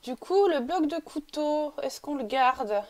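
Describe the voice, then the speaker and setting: A woman's voice: high-pitched, expressive, measured pace, a little mellow. Chatty woman narrating her gameplay. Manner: chatty, talks to the game characters and coaxes them. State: sniffling. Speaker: let's play commentator. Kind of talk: casual gameplay commentary.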